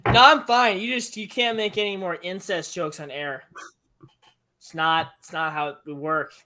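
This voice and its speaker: A man from Texas co-hosting a casual sports commentary stream, excitable and playfully scolding his partner. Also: sits high, moderate pace. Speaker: co-host and commentator.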